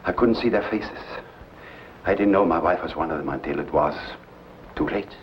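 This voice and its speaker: An actor playing a sorrowful, resigned refugee scientist with a formal, grave manner in a vintage B-movie. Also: male voice, deep voice, normal speed, close to an everyday voice. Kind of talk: vintage B-movie film acting. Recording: muffled old film soundtrack, noisy.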